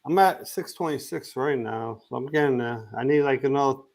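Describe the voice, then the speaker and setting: A middle-aged man from Queens, co-hosting a casual live chat, halting and restarting his sentences with many fillers. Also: mid-range voice, darkish tone, rough recording. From Queens, New York. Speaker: co-host.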